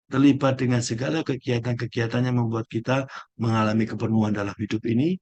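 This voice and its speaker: Soft-spoken man, slow reflective priest. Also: on the low side, slightly rough. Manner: slow, gentle, searching pauses. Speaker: Jesuit priest. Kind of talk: reflective spiritual talk.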